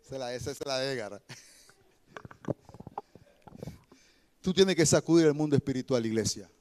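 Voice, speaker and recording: A male pastor preaching a sermon, building to shouted lines and then dropping to a quieter, joking tone. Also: mid-range voice, animated, takes it slowly, a little hiss or hum.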